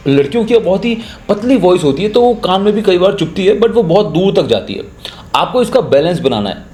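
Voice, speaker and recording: Young guy w hindi accent explaining voiceover tips, kinda high mellow voice, echoey room. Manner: chatty, explains with spoken examples. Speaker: YouTube voiceover tutor. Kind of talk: casual spoken tutorial.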